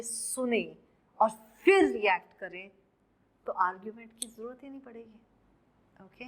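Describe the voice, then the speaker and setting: A woman teaching an English vocabulary lesson with an Indian English accent, switching between Hindi and English and repeating words slowly for pronunciation. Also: mid-range voice, low-quality recording.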